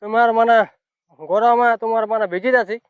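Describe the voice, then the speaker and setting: A man speaks haltingly and stumbles over his words. His voice is high and dry, and it comes through as a tinny, phone-like clip. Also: fairly even intonation, smooth, dry recording. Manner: stammering, halting. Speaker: content creator in a played clip.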